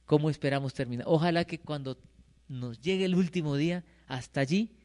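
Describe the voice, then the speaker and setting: A man's voice: fairly high pitch, brisk, dark tone, long reverb tail. A middle-aged man preaching a sermon, asking his congregation questions and answering them himself. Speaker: pastor. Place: church hall.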